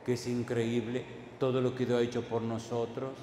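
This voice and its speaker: A man's voice: mid-range voice, completely flat delivery, moderate pace, mellow, pitched below the performer's own voice, close to an everyday voice. Astonished churchgoing woman, as a preacher quotes her. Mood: amazed. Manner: repeating herself in amazement. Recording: echoey hall with faint background noise.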